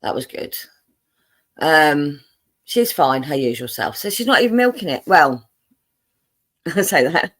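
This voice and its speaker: Her voice is low yet fairly bright, with lively intonation, a somewhat slow pace, and plenty of pauses. This English livestream host, London-born and Buckinghamshire-raised, rambles chattily through viewer messages, laughing often and using lots of fillers.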